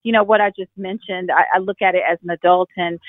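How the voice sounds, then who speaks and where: A woman's voice: lowish voice, fairly even intonation, fast, dry recording. A young woman from Texas, a film director, talking reflectively with many fillers during an interview. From Fort Worth, Texas. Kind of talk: interview over a phone line. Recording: tinny phone line.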